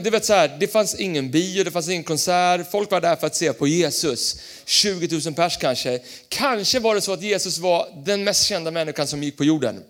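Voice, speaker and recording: Young guy preaching, high voice, goes loud then drops low and chatty, casual energetic sermon. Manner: energetic and playful, swinging between loud emphatic peaks and low asides. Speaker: pastor. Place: church hall.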